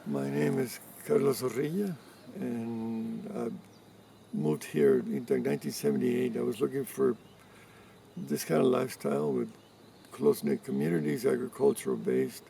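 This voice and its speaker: A man in his seventies from Cuba, giving interview answers in a measured way with pauses and restarts. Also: medium pitch, big pitch swings, vocal fry. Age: 70s. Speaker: interviewee, environmental activist. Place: rural farm in mountains. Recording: distant mic with faint background noise.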